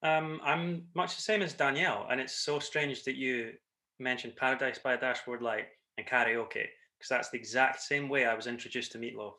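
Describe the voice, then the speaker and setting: A man's voice: medium pitch, steady tone, moderate pace, pushed and bright. A man with a Scottish accent, a theatre performer chatting casually as an interview guest. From Scotland. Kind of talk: casual group interview chat.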